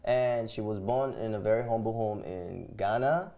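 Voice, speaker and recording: A woman co-hosts a casual panel chat in a very low voice. Her tone is dark and mellow. She talks in a playful, teasing way. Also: moderate pace. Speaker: co-host.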